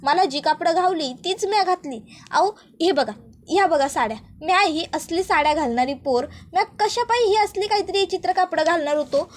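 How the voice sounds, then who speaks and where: Brief: an earnest, defensive rustic village girl with a high voice, as a female storyteller puts her on. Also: moderate pace. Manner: rural dialect, earnest pleading.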